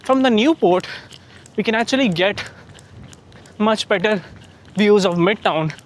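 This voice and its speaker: A running vlogger talks informally to the camera while on the move outside, with some wind noise. His voice sits high and comes out a little slow.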